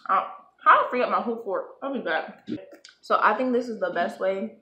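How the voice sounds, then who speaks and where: A woman's voice: mid-range voice, lively intonation, brisk, lo-fi sound, background noise. A woman hosting a home video, chatting casually and upbeat while she eats at a table. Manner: chatty and upbeat, talks between bites. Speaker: vlogger hosting a food-eating video. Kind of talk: casual chat while eating. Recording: echoey room with clattering dishes. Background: clinking cutlery and dishes.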